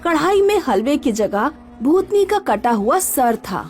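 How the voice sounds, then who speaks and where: Lively woman narrating a spooky tale. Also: high voice, measured pace, faint music behind. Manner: lively expressive storytelling. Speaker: storyteller. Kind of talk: scripted horror story narration.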